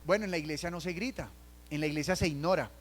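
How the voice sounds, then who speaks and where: Colombian pastor preaching with sudden swings. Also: male voice, on the high side, fast talker. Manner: acts out everyday scenes in quoted voices, swings from hushed to loud. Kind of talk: sermon.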